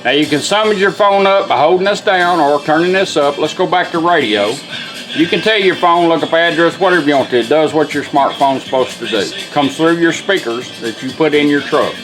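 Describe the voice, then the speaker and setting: A car radio restorer shows off a product in a casual, hands-on, plainspoken and folksy way. His voice is fairly high and fairly quick, and the low-quality recording has music playing behind him.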